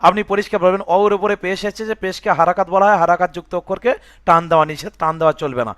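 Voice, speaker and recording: A man teaches Quran recitation at a very fast pace, his high-pitched, fairly bright voice holding a fairly even intonation. He spells each word letter by letter, marking the vowels, and asks "বুঝে আসছে?" to check the student follows. The studio-quality audio has no room sound.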